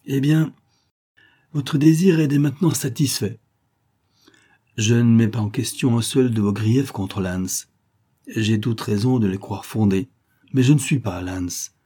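A man reading the part of a cornered, defiant gentleman in an audiobook, speaking firmly and urgently. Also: lowish voice, unhurried. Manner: firm, urgent, indignant.

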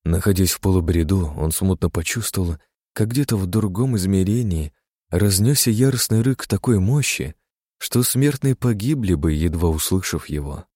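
A man reading a fantasy audiobook as narrator, in a dramatic, steady reading style. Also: low voice, moderate pace, no room sound, studio quality. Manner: dramatic, steady reading that voices characters' shouts.

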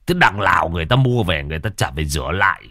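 A coarse, gruff middle-aged father , as a narrator puts him on, talks bluntly and crudely in a low voice. He rattles along with a lively swing in the voice, close and dry. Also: dry recording, exaggerated voice. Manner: crude, blunt, quick-talking.

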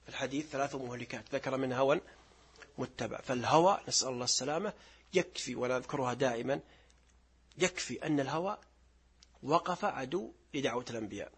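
A middle-aged man giving a religious lesson, explaining verses, reciting them slowly and quizzing his listeners. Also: mid-range voice, slightly rough. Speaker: sheikh teaching Quran commentary.

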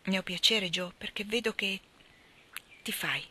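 A woman reading aloud and voicing a gentle, wise mother who calmly reassures her daughter. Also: mid-range voice, measured pace. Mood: tender.

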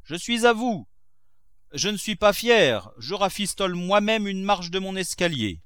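A man's voice: a little high, expressive, unhurried, a bit bright, no echo, clean studio sound, voice pushed up. A man doing a bluff old miser, commanding. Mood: cheerful. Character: old miserly former cooper, gruff master of the house.

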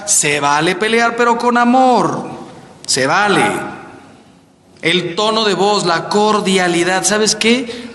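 A middle-aged Mexican man with a Mexican accent, a priest giving a playful, animated talk on marriage to a large audience. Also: sits high. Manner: animated, playful storyteller, acts out quotes. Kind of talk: lively talk on marriage with jokes. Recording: echoey hall with faint ambience.

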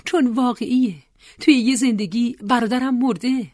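A woman doing an anguished young woman, high and pleading. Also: a little mellow, dry recording, clean studio sound, close to an everyday voice. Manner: raised, pleading, insistent.

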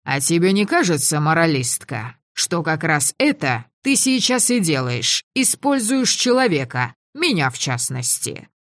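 A woman's voice: low-pitched, sing-song, unhurried, few pauses. A woman voicing a proud, sardonic young male adventurer in an audiobook, speaking in mocking, self-pitying banter. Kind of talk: audiobook character voice.

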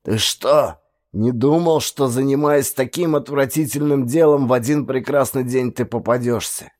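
A man voicing a stern, proud older male householder who talks in a gruff, scornful and commanding way in a storybook reading. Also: medium pitch, moderate pace, a little mellow, close to an everyday voice.

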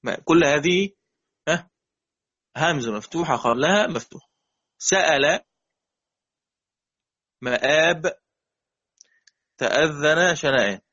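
A man with an Egyptian accent teaching Quran recitation in a classroom lesson, drawing out example words slowly and checking often that students follow. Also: a little high, animated, a bit bright, lo-fi sound. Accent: Egyptian Arabic.

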